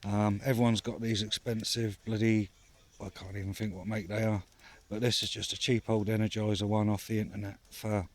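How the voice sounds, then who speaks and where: Speaking at a normal speed with few pauses, a low-voiced man with a level tone vlogs from his hammock at a night camp. The bushcraft vlogger's talk is loose and chatty, full of fillers and banter.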